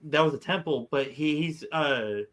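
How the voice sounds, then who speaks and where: A man improvising casual role-play as a tabletop game player, halting and repeating his words. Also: fairly high pitch, fairly bright tone.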